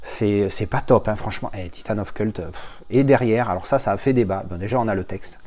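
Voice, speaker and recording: A man's voice: lowish voice, fairly quick, a little mellow. A man giving casual unboxing commentary, chatty and hesitant, with many fillers and restarts. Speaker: video host unboxing a film edition.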